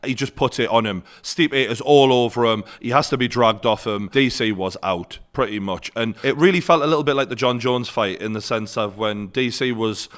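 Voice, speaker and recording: A man's voice: medium pitch, normal speed, hardly any pauses, fairly bright tone. A man with a Newcastle Geordie accent gives a casual, blunt and opinionated fight recap to viewers, swearing freely. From northeast England. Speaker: sports commentator and online host.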